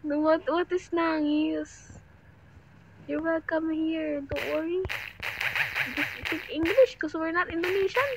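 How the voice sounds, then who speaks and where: A woman's voice: very high voice, slow pace. A woman, chatting playfully while playing a game, giggling and switching between Tagalog and English. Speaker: game player. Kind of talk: casual chat while gaming. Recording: noisy background.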